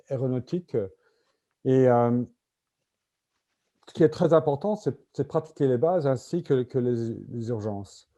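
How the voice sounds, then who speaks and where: This British man has a mellow, medium-pitched voice. An invited conference speaker who works as a medical simulation executive, he presents in French, his native language being English, with a British accent and halting pauses as he looks for the right words.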